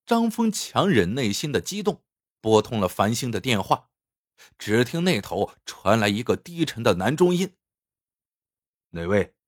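Man, story narration, animated delivery, very lively pitch, dry close sound. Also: normal speed, no room sound.

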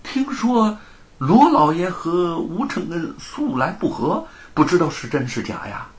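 A man's voice: on the high side, sing-song, measured pace, pitched above the performer's own voice. A man voicing a cunning, fawning county magistrate who grovels and stammers. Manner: ingratiating, flustered.

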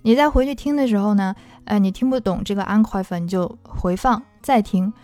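A woman teacher explains how to practise listening in a patient, methodical way. Her voice is mellow and warm rather than bright, at an ordinary mid pitch. Soft music plays faintly behind her. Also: a little fast, no echo. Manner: patient, explains with worked examples. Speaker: German language teacher.

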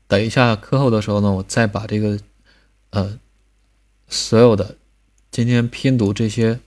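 Low-voiced male language teacher. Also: darkish tone. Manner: patient, drills sounds slowly with repetition. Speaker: Korean pronunciation teacher. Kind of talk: recorded language lesson.

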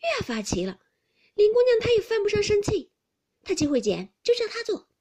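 A woman's voice: a little high, very animated, a little mellow, breathy edge, full character voice. A woman voicing an outspoken, blunt teenage noble girl who teases and scolds. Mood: teasing, indignant. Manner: blunt, quick-tongued, scolding.

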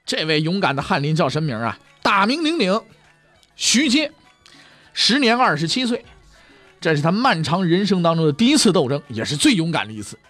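A male storyteller narrating history in a joking pingshu manner, his voice sitting fairly high and leaping all over its range. He keeps tossing rhetorical questions at the audience. Soft music plays faintly under him. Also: brisk, no room sound. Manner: lively, jokey asides and rhetorical questions to listeners.

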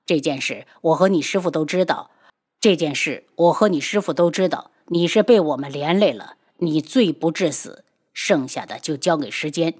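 A woman voicing a steady, grave young prince in an audiobook, speaking calmly and firmly. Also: low voice, normal speed, breathy edge, pitched below the performer's own voice.

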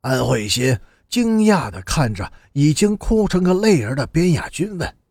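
Man, audiobook narrator, husky, very lively intonation, close dry recording. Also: fairly high pitch, moderate pace, no room sound. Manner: steady storytelling with expressive rises and falls.

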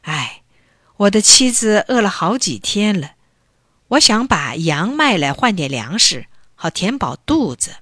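A woman voicing a weary poor man who speaks in a low, sighing lament. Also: very animated, a little slow, fairly bright tone, no room sound, clean studio sound.

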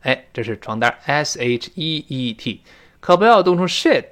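A male English teacher lecturing in a chatty classroom manner. His pitch swings widely as he explains. He slows right down to drag out each word he demonstrates. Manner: animated, drawn-out demonstrations of pronunciation. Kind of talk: spoken-English lesson lecture.

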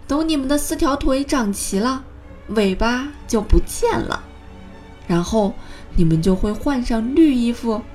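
A woman doing a gentle mother frog. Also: on the high side, lightly acted.

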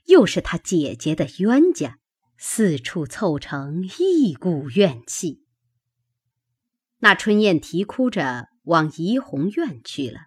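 Slow, husky woman reading a classic novel. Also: fairly low pitch, no echo, studio quality. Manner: expressive, lively storytelling. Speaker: audiobook reader. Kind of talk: scripted narration of a classic novel.

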